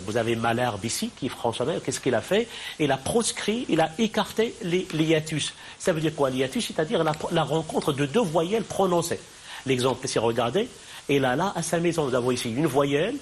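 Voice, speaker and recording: Male university lecturer, slightly high voice, stop-start delivery with rhetorical questions, faint hiss behind. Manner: halting, repeats words, asks rhetorical questions.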